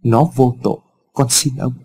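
A man doing a trembling young servant woman in a storybook, begging through tears and speaking meekly. The voice is husky and soft-toned. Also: mid-range voice, fairly even intonation, normal speed. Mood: tearful begging.

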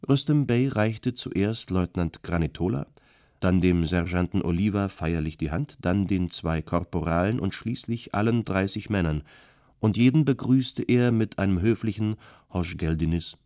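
A man narrating a literary audiobook in a calm, measured way. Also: sits low, no echo, studio quality.

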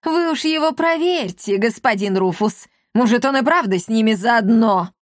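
A woman reading a story aloud, voicing a loud, bullying middle-aged female commandant who shouts and mocks. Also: expressive, moderate pace, dry recording, clean studio sound, natural voice. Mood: spiteful. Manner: shrill, shouting, mocking.

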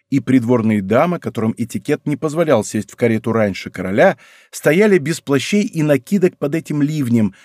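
A man narrating a historical novel as an audiobook in a measured, scripted storytelling manner, close to a studio microphone. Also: mid-range voice, darkish tone, no echo. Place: recording studio.

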